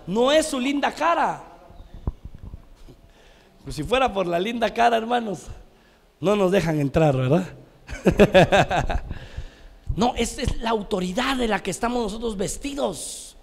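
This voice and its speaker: A man preaching with a high, gravelly voice, talking straight to his congregation as brothers. He tells stories while teaching. Long hall reverb trails behind every phrase. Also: animated, normal speed, pauses often. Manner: preachy, addresses listeners as brothers. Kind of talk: TV sermon with anecdotes.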